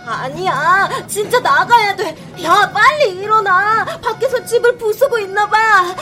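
Woman doing a little ghost kid, hushed and guilty, audio drama. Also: a little slow. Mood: urgent. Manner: urgent pleading, later hushed and low. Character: young child's ghost, kind and guilty.

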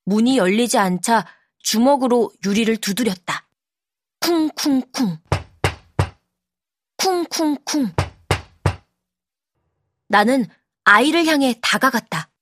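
A woman narrating an audiobook in a calm, measured storytelling manner, close to the mic. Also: on the high side, slight background noise. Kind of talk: scripted narration.

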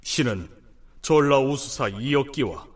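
An actor playing a solemn admiral in a historical radio drama, speaking in a grave, formal, measured way, a little away from the microphone. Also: male voice, medium pitch, animated, distant mic. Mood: solemn, deferential. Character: solemn male admiral reporting humbly to his king.

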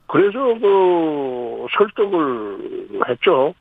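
Man, city official, high voice, husky, measured explanations, tinny phone line. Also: big pitch swings, dry recording. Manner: measured, explaining policy point by point with "uh" pauses. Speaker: city government official interviewed. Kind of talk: explanatory radio interview answers.

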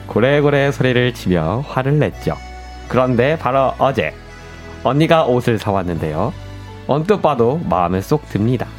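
Male radio guest, animated delivery, middle pitch, reading and chatting over faint music. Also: moderate pace. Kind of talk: casual radio chat and dramatic story reading.

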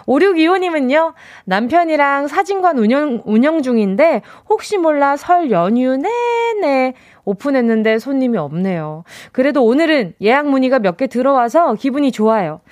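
Chatty high-voiced woman radio DJ. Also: very animated, moderate pace, hardly any pauses, darkish tone, no room sound, clean studio sound. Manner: chatty, playful, teasing. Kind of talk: radio show with listener messages and call-in. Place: radio studio. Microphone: close studio mic.

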